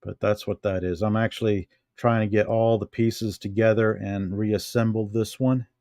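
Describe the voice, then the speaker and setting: Handling items at home for a relaxed show-and-tell vlog, this middle-aged man from the United States talks to himself at an easy pace. He speaks low and flat with a darkish tone, and the clean studio recording has no room sound.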